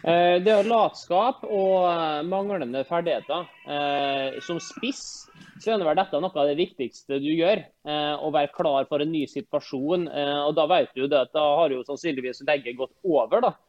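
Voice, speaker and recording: A man's voice: on the high side, a little mellow, no echo. A man who coaches football, talking on a podcast in a hesitant way full of filler sounds but with blunt verdicts. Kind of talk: casual podcast chat. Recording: dull, slightly muffled, dry sound.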